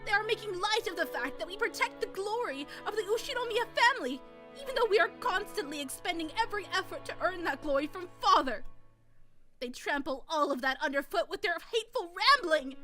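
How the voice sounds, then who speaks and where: A woman's voice: very high voice, animated, fairly quick, hardly any pauses, sharp tone, exaggerated voice. A woman reading the part of a proud wife berating her husband, with music behind. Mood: aggrieved. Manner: rising, accusing. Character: proud indignant wife, bitter and hurt. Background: music playing.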